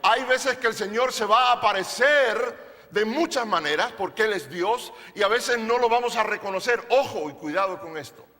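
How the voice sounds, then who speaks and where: A man's voice: sits high, moderate pace, sharp tone, long reverb tail. A male pastor preaching a sermon to a congregation, emphatic and playful, often asking them questions. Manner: playful, jokes with the audience. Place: church service.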